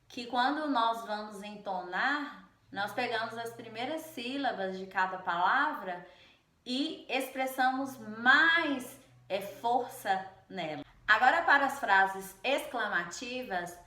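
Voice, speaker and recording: A woman teaches a Spanish lesson in her native Portuguese, explaining step by step and often checking in with a quick "né?". Her voice sits a little high and sounds bright and crisp. The recording picks up the echo of the room around her. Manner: explanatory, frequent "né?" tag questions. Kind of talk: online language lesson.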